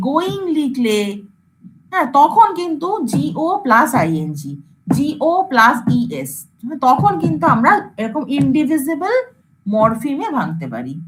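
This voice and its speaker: A woman lecturer with a high voice teaches a class. She says example words over and over, mixes English terms into her speech and keeps checking whether her students follow. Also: a bit bright, rough recording. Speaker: computer science lecturer.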